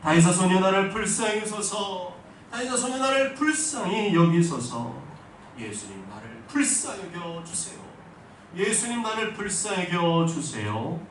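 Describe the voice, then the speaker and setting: A male pastor voicing a blind male beggar, who pleads in loud, drawn-out cries. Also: a little high, completely flat delivery, voice pushed up. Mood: crying out. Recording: echoey hall, distant mic, noisy.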